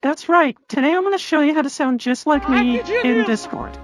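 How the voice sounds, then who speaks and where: A woman's voice: high voice, normal speed, voice pushed up. A woman voicing a cheerful, friendly male cartoon mouse through an AI voice changer, chirpy and giggly. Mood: chipper. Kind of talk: cartoon character greeting.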